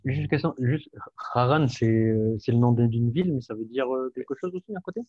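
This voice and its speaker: A man's voice: medium pitch, a little fast, husky, no room sound. A man with an ordinary mid-range voice asks his teacher a question, hesitating as he goes. His voice is dull and dry, like a call over a computer. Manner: tentative, hesitant. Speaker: student. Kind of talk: asking questions in class.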